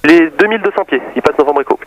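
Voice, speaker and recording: Male tower controller, rapid, slightly high voice, easygoing, over a radio channel with chatter behind. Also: lively intonation, background noise. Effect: radio transmission. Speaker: air traffic controller. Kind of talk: informal air traffic control instructions.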